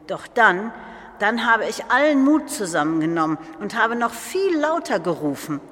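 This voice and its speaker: A performer telling, in first person and in an earnest, calm storytelling manner, the story of a humble, grateful blind male beggar, as a biblical monologue. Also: mid-range voice, normal speed. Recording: long hall reverb.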